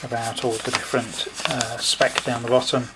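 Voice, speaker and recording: A product reviewer, male and medium-pitched, walks through a hands-on demonstration in short, unhurried steps with a flat delivery. His home recording is clearly noisy and has clicks.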